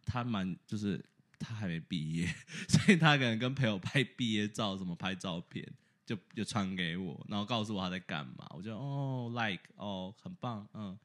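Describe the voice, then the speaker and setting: On a podcast, a male co-host with a voice on the low side tells a story at a moderate pace during casual chat. He's animated, laughs often and slips English words into his speech.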